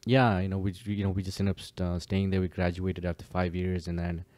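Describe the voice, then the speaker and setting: A man with a very low, warm and mellow voice talks in an easygoing podcast chat. He speaks with relaxed fillers and restarts. The sound is dry and close. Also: brisk, no echo. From Kenya. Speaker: guest, DJ and producer.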